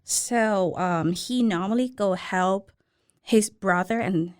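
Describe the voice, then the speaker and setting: A woman from Thailand with a Thai accent, a restaurant owner in a casual interview, speaking halting English with simple, broken grammar. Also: medium pitch, smooth.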